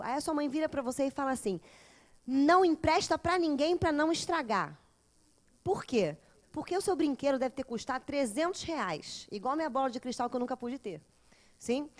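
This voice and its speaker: A woman, a therapist lecturing a class in a lively way, often acting out children and mothers. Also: high voice. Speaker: teacher of a psychology course.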